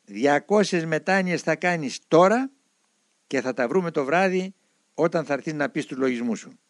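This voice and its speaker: A man's voice: fairly high pitch, expressive, no room sound, clean studio sound. A man reading the lines of a strict elderly monk giving firm orders in a commanding way. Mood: stern. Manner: stern, commanding.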